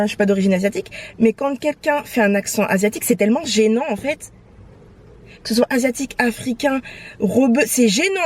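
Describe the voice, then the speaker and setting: A young woman vlogging casually from her phone while out and about, animated and outspoken, slipping between French and English. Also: high voice. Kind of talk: casual vlog chat.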